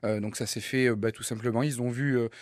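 A man's voice: medium pitch, fairly even intonation, fast talker, no room sound. A man guesting on a radio interview over a studio mic, a cabaret singer explaining his art earnestly with many hesitations. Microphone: studio microphone.

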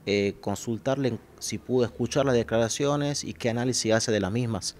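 A man's voice: medium pitch, moderate pace, darkish tone, a little hiss or hum. A male reporter asking formal, polite interview questions.

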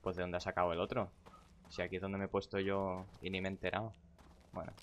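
In a fast monotone, a low-voiced young gaming streamer rattles off casual, profane asides while playing at his home computer. He mumbles to himself and greets those in chat. Faint background sounds and keyboard clicking come through.

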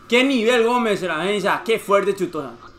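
A young man reacting live to a football match, cheering and shouting at every play. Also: high voice, lively intonation, normal speed, a little hiss or hum.

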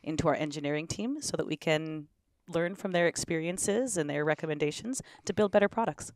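A woman's voice: sits low, brisk, a little hiss or hum. A woman who leads a customer program, speaking as a guest in a podcast interview in a friendly, playful way, into a headset mic. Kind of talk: casual interview chat. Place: conference room.

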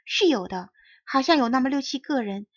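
A woman's voice: high-pitched, expressive, brisk, no room sound. A woman voicing a plain little desert flower that speaks in an offhand, matter-of-fact way in a storybook reading. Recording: dull lo-fi recording.

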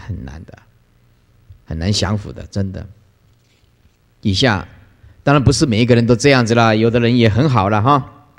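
A man's voice: moderate pace, long pauses. A male Buddhist dharma master giving a sermon, telling stories and acting out the people he quotes, often with a laugh. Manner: lively storytelling, acts out quoted people with playful pitch jumps and laughter. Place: lecture hall. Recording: long hall reverb.

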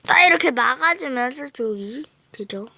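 A woman's voice: high voice, lively intonation, normal speed, sharp tone, no echo. A woman chatting playfully while commenting on a mobile game she is playing. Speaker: gamer. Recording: noisy phone recording.

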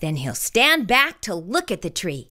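A middle-aged woman reading aloud to young children in an expressive storytime voice, as a children's host. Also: mid-range voice, a little slow, dry recording, studio quality.

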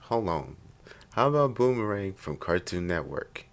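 A man with a very low, deep voice talks through a game he is playing. He chats in a laid-back, slangy way, reacting casually as he goes. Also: very animated, moderate pace. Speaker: gaming YouTuber. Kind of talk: casual let's-play commentary.

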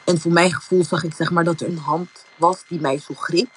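Husky young woman telling her testimony. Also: lowish voice, fairly even intonation, brisk. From Netherlands. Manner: informal, many fillers like "zeg maar", retells thoughts as quotes. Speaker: giving a testimony. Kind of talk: casual spoken testimony.

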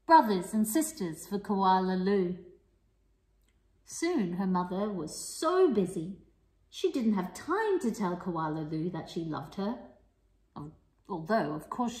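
A woman reading a picture book aloud to young children, playful and expressive, with sing-song rhymes and the odd whisper. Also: medium pitch. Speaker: children's storyteller and teacher. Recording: echoey room.

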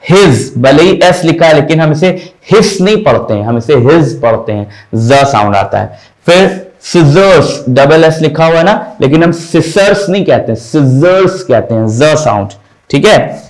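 A man teaching English pronunciation in Hindi, slowly repeating each word to drill the sounds. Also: fairly high pitch, animated, low-quality recording.

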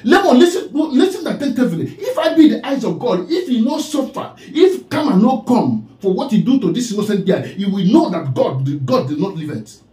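An online commentator with a Nigerian accent delivers a scolding, preachy monologue, repeating the name of the person he's addressing. His strikingly high voice swoops up and down with a mellow tone, very animated, at a moderate pace with hardly any pauses. The space sounds roomy and echoey.

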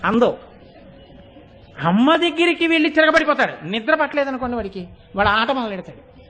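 A man giving a devotional sermon, telling stories with lively expression and chanting sacred verses slowly. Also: extremely high pitch. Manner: animated storytelling, acting out quoted voices, chanting verses slowly. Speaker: spiritual discourse speaker.

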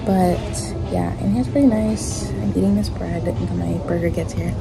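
A woman's voice: on the low side, fairly even intonation, normal speed, gravelly. A woman talking casually to her viewers as a travel vlogger, chatty and calling them y'all. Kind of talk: casual vlog chat to camera. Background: loud lofi music.

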